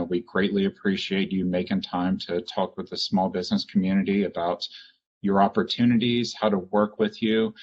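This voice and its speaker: Male moderator, low and husky, informal with fillers, heard through dull video-call audio. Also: darkish tone. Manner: conversational, filler-heavy wrap-up. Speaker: panel moderator. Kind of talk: hosting a virtual panel.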